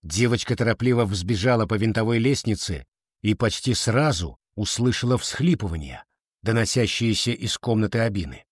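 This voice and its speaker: A man giving a measured scripted narration of a children's fantasy audiobook. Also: on the low side, lively intonation, breathy edge, no room sound, clean studio sound.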